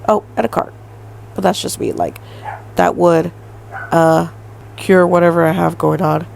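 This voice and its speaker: Young woman, podcast host, deep gravelly fry, rambling casual talk, lots of fillers. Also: a little slow, darkish tone, slight background noise, rough recording. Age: 20s. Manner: rambling, many fillers and hedges. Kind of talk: casual solo podcast monologue.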